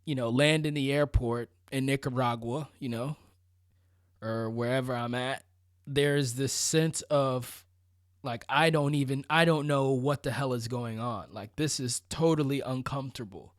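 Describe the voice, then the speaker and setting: In a clean, echo-free studio recording, an American vlogger from Florida gives a casual motivational monologue. His voice is medium-pitched and a little slow. He talks conversationally and emphatically, often checking in with rhetorical questions and asides.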